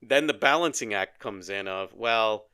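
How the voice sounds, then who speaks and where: Bright-voiced man, animated podcast co-host. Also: lowish voice, unhurried, smooth. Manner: animated storyteller, acts out quoted dialogue. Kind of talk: casual conversation.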